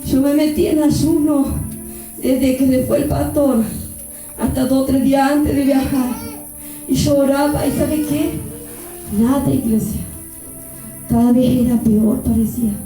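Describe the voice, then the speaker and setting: A woman with an Argentine accent preaching an impassioned sermon, building into shouted pleas. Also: sits high, steady tone, unhurried, pauses often. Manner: fervent, rising to shouted pleas. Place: church. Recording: very echoey church hall, mic far off, music behind.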